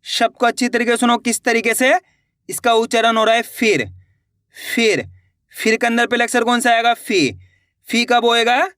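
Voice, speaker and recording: A young man teaching Hindi reading in an online lesson, slowly sounding out syllables, patiently repeating words and asking the listener questions. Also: extremely high pitch, fairly even intonation, sharp tone, no room sound, studio quality.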